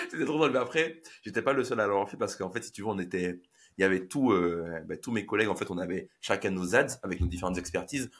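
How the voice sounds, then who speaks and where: A man hosting a podcast, talking in a relaxed, hesitant way with lots of fillers. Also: deep voice, quick pace. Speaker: podcast host. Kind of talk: casual podcast conversation.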